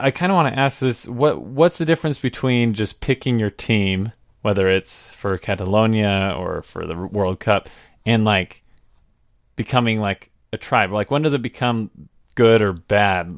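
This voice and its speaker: A man's voice: lowish voice, measured pace, no room sound, studio quality. Laid-back, hesitant podcast host man. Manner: hesitant, laughs easily, many fillers. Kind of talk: casual interview talk.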